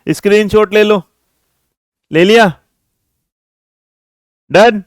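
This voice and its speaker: A man's voice: high voice, extremely slow, no echo, studio quality. A young man giving an online exam-prep lecture in a chatty, teasing way, calling his students his children and scolding them playfully.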